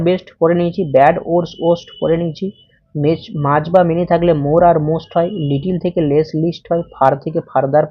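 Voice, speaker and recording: A woman's voice: low-pitched, no room sound. A woman with a Bengali accent teaching English grammar. She explains each rule step by step, spells words out letter by letter and puts questions to the viewer. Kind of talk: explanatory lesson. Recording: dull, muffled sound.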